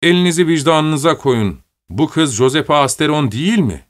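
A man voicing a brazen middle-aged shoemaker who shouts accusing questions. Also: a little high, normal speed, pitched above the performer's own voice, natural voice.

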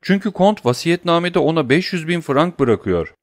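A man's voice: fairly high pitch, expressive, normal speed, no echo, studio quality, voice pushed up, lightly acted. A man voicing a cowardly, scheming thief who whines and pleads in an audiobook reading. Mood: sly. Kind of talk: audiobook character voice.

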